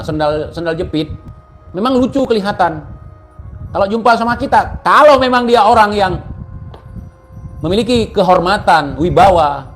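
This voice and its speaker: A man giving casual spoken commentary in a mocking, scolding way, full of rhetorical questions. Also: a little high.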